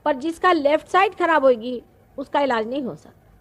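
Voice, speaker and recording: A woman, giving a slow, explanatory spiritual discourse with pauses. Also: sits high, expressive, a bit bright. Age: 50s. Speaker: spiritual teacher. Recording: archival talk recording.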